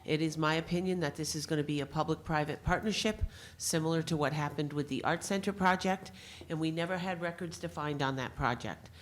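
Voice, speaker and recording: A woman with a fairly low voice speaks at the public comment podium of a city board meeting. She presses her point insistently, with pointed complaints. The sound is that of a council meeting room. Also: fairly quick.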